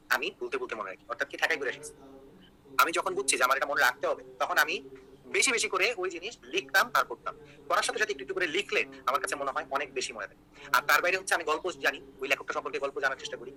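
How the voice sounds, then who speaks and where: A young man teaches an online exam-prep class at a rapid clip, joking as he goes and constantly checking that his students follow. His voice is bright and tense, a little higher than most men's, and he talks very fast. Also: rough recording. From Bangladesh. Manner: rapid, joking, repeats key points with "ঠিক আছে?".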